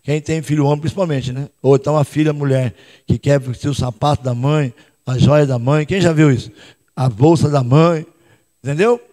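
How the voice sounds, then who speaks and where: Brazilian male pastor, lively sermon, fairly high voice, long church-hall reverb, calls out to the crowd. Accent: Brazilian Portuguese. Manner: calls out to the congregation, prompts responses; switches between loud shouts and quiet asides.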